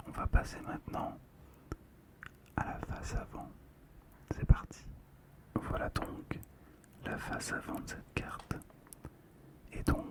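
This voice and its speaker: Here an ASMR host softly whispers commentary while presenting collectibles. The delivery is slow and hushed, never rising above a whisper.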